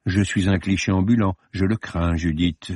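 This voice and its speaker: A man's voice: low voice, fairly even intonation, moderate pace, darkish tone, no echo, clean studio sound. A man reading the part of a cynical, scornful male film director who talks in a cold, cutting, mocking way. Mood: icy mocking.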